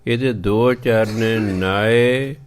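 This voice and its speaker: A man delivers a scripture exposition at an unhurried pace, his voice sitting at an ordinary middle pitch. He chants verse lines, then stops to spell out how each word should be said and what it means. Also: slight background noise. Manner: slow, deliberate teaching, corrects pronunciation. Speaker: preacher.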